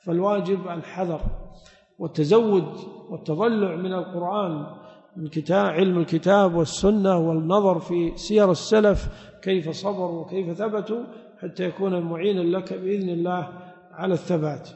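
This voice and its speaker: A man's voice: high-pitched, fairly even intonation, a little fast, mellow. A man giving a Quran exegesis lesson, explaining step by step and quizzing his listeners with short questions. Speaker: religious teacher. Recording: echoey hall, dull lo-fi sound.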